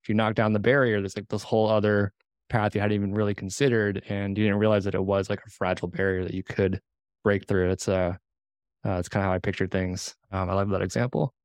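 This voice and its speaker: Low-pitched man as podcast host, relaxed and hedging, dry studio sound. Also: quick pace, clean tone, no room sound. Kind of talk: casual interview.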